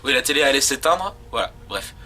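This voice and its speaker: A man co-hosting a video game show, giving chatty, excitable let's play commentary while he plays. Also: mid-range voice, a little fast, slight background noise. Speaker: game video co-host and player.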